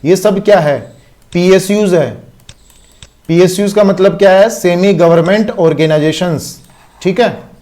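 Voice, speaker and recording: A man's voice: high voice, unhurried, pauses often, dark tone. A man with an Indian accent teaching an online exam-prep lecture, explaining step by step and checking in with constant rhetorical questions.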